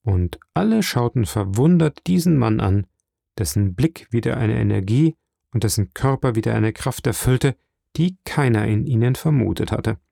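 A man reading an audiobook aloud in a steady, measured way. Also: mid-range voice, creaky, no echo, studio quality. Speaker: audiobook narrator. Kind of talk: scripted narration.

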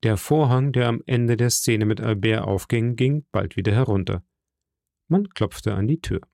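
A man reading a classic novel aloud in steady, measured narration. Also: fairly low pitch, vocal fry, dry recording, studio quality. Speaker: audiobook reader. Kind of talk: scripted narration.

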